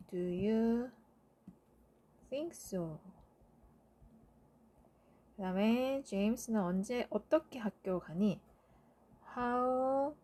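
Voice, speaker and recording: A woman teaching an English grammar lesson at a very slow, deliberate pace. Her voice is mellow and warm, not bright. She keeps checking in with short tag questions as she works through each answer. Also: medium pitch. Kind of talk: lecture explaining grammar answers.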